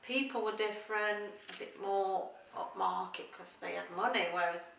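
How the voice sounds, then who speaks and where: This middle-aged Doncaster woman has a medium-pitched, creaky, fairly bright voice and talks at a moderate pace. In a casual interview she chats in her Yorkshire accent, often pausing to find words, and the distant, roomy recording carries faint noise.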